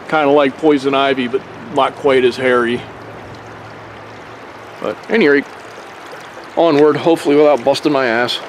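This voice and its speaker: A man talks his way through a hike in the woods in a loose, rambling manner, with plenty of fillers and the occasional curse. His voice sits at an ordinary middle pitch. It is captured on a handheld camera outdoors, with a faint hiss of open air and flowing water behind him. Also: rough recording. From Pennsylvania. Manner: relaxed and rambling, with frequent fillers and mild swearing. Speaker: nature vlogger. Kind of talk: casual hiking narration.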